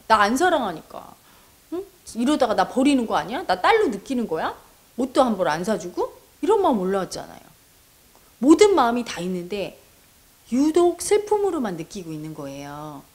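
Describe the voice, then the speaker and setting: A woman meditation teacher counseling a viewer, talking straight to her with earnest, coaxing prompts. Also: mid-range voice. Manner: addresses the listener directly with coaxing prompts; earnest, persuasive, acts out quoted voices. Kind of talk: counseling talk answering a viewer's question.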